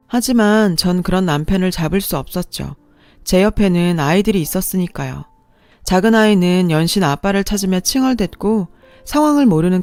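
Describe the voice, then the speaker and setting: A woman's voice: fairly low pitch, a little mellow, no echo. A woman narrating her own story in scripted form, in a confiding, conversational first-person manner.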